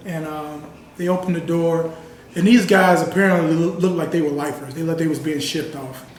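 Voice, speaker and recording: A man's voice: high voice, slight background noise. A man giving a sit-down interview, telling a personal story in an earnest, conversational way and often saying "you know.". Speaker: interview guest. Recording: roomy sound from a distant mic with faint ambience.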